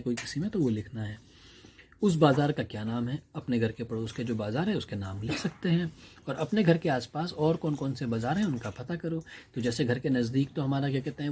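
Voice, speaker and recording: Husky-voiced man teaching a revision lesson. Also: mid-range voice, dark tone. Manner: explains simply, often asks the class questions and checks with "है ना".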